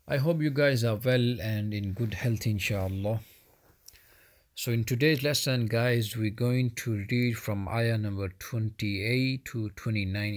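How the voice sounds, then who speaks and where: Soft-spoken male Quran teacher. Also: fairly low pitch. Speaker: Quran reciter. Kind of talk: online lesson.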